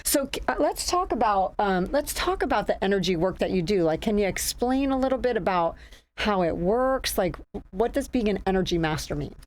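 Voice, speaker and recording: A woman's voice: medium pitch, sing-song, fairly quick. Gushing woman hosting a health show. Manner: effusive, gushing. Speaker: show host. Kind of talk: casual interview.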